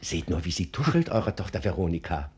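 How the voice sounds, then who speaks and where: A slyly amused, jovial gentleman in radio drama. His voice is fairly low and husky, full of knowing swings. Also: big pitch swings, brisk, heavily acted. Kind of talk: radio play acting.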